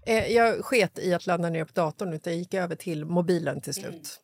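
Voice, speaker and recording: A woman hosting a podcast in casual chat, an animated storyteller who acts out dialogue and swears freely. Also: fairly low pitch, no room sound, studio quality. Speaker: podcast host.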